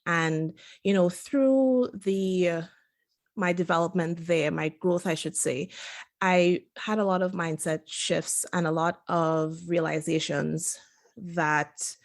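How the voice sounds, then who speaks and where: A woman's voice: lowish voice, steady tone, slow. A woman from Trinidad and Tobago, a physician guest, chatting casually in an interview, laughing often and using lots of fillers.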